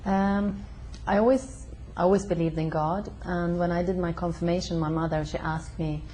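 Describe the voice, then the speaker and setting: Young Swedish-born woman, low, warm voice, halting with fillers, faint hiss. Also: fairly even intonation, low-quality recording. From Sweden. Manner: hesitant, many fillers and pauses. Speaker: interviewee. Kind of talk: casual conversation. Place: her home.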